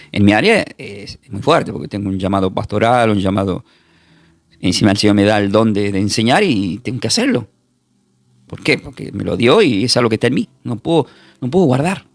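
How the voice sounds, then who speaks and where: Argentine pastor, lively gravelly preaching voice. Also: male voice, medium pitch, dry recording. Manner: emphatic preaching, repeats words, spells Greek terms slowly. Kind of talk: recorded Bible class sermon.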